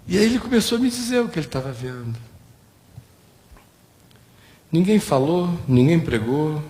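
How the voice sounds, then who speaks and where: Pastor preaching in an echoing hall. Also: male voice, moderate pace. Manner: animated storytelling, voice climbs high in emotional moments. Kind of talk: sermon with storytelling. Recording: long hall reverb.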